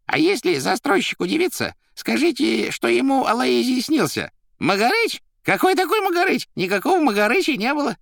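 A man voicing a fussy, mocking male demon clerk in an audiobook, shrill and theatrical. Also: huge pitch swings, a little fast, vocal fry, few pauses, fairly bright tone, dry recording, exaggerated voice. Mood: gleeful. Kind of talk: audiobook character voice.

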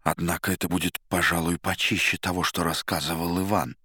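A weary, timid writer speaks low and husky, soft and resigned, voiced by a man reading an audiobook. The recording is close and dry. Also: fairly even intonation, brisk, dry recording, exaggerated voice. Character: weary, timid middle-aged male writer.

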